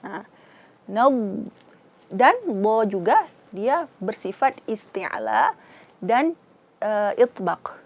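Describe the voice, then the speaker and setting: A woman's voice: medium pitch, animated, slow, dull audio. A woman from Indonesia with an Acehnese accent, teaching Quran recitation and patiently sounding out each syllable. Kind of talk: slow, careful tajwid instruction.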